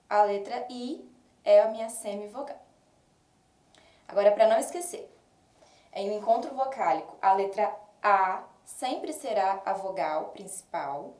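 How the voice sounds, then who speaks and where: A woman teacher with a Brazilian Portuguese accent gives a recorded lesson, stretching out each example word. Her voice is a little high and mellow in tone. It sounds roomy and a bit distant from the mic. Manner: slow, deliberate stressing of example words. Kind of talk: recorded online grammar lesson. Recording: echoey room, voice off-mic.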